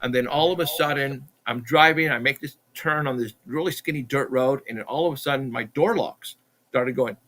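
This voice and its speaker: A middle-aged man, a podcast guest, telling a story in an animated, excitable way, stumbling and repeating himself as he acts out what people said. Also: mid-range voice, moderate pace, a little hiss or hum. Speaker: podcast guest, Bigfoot researcher.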